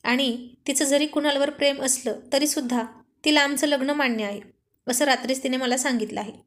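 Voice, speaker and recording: A woman reading a story aloud and voicing a jealous, quick-tempered young husband who blusters irritably. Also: sits high, steady tone, a bit bright. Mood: irritated.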